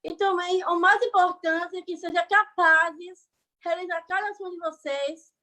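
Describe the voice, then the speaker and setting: A woman from Bahia with a very high voice talks casually over a video call. She rambles and keeps checking that her listeners follow. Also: fairly even intonation, moderate pace, sharp tone, rough recording. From Bahia, Brazil. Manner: chatty, rambling, keeps asking "entendeu?" and "sabe?". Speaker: guest speaker, online creator.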